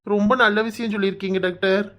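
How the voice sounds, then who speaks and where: An earnest, emotional young husband in a cartoon voiced by a woman, his voice at a middle pitch. He thanks people over and over, gushing with gratitude. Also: steady tone, fast, close to an everyday voice. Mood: overjoyed. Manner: earnest, overjoyed. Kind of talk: cartoon voice acting.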